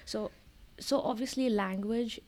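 A woman's voice: fairly high pitch, measured pace, a crowd in the background. A woman in a casual discussion, explaining things and often checking that the listener follows.

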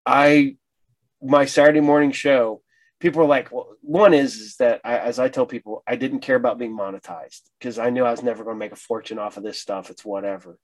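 A man hosting a casual chat, speaking in a halting, anecdotal way and often repeating words. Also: mid-range voice, steady tone. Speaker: interviewer, online show host.

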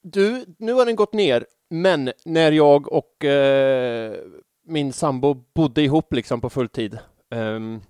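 A man's voice: medium pitch, a little mellow, clear, resonant tone, dry recording, clean studio sound. A man hosting a podcast in casual chat, rambling and poking fun at himself. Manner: chatty, rambling, self-mocking. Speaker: podcast host.

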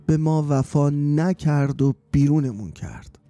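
A man's voice: on the high side, warm tone, dry recording, faint music behind, lightly acted. A man voicing a frank, wry Iraqi woman of about forty in a story he narrates, speaking bluntly and ruefully.

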